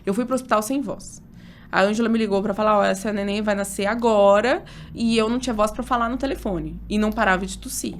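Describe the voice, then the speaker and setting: A woman in her thirties, an obstetrician guest, telling a personal story in a casual interview. She talks in an emotional, animated way, full of fillers. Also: medium pitch, fast talker, a little hiss or hum.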